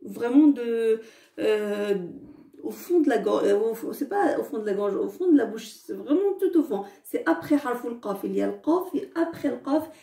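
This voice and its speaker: A woman's voice: on the high side, animated, moderate pace, gravelly, mellow. A woman teaching the alphabet to children in a remote lesson, patient and checking often that they follow. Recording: echoey room, distant mic.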